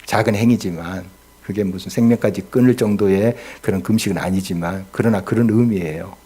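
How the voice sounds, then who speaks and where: Male pastor, sermon at a prayer meeting: low, husky, gravelly tone, earnest, builds to loud emphasis. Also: a little fast. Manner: earnest preaching that swells loud on key words, with rhetorical questions. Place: church.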